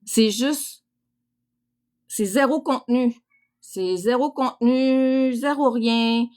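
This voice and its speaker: A woman's voice: fairly high pitch, takes it slowly, a little mellow. A middle-aged woman with a Québécois French accent, chatting casually and bluntly as a livestream host, with crude, teasing colloquial talk. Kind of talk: casual live chat reacting to viewers.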